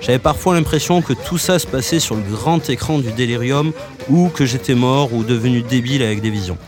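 A man narrating a story in a calm, matter-of-fact way. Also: mid-range voice, a little fast, over music. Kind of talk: audiobook reading.

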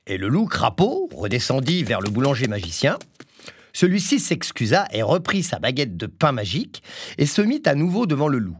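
Animated, husky storybook narrator. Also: mid-range voice, normal speed. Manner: animated, expressive.

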